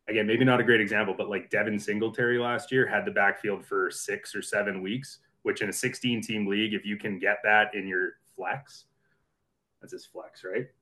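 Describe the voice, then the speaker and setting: A man's voice: on the low side, a bit bright. A man in a casual sports podcast chat, rambling and restarting his sentences as he makes his case. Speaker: podcast panelist.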